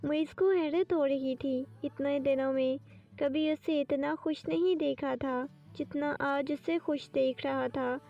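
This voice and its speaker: A woman narrating a romantic novel audiobook in a steady storytelling manner. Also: sits high. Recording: distant dull lo-fi with faint music.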